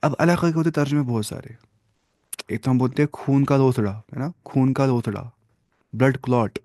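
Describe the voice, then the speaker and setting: A man's voice: mid-range voice, a little mellow, no room sound, studio quality. A man teaching a religious lesson, asking his listeners questions and repeating key terms as he explains them. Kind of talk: classroom lesson on hadith.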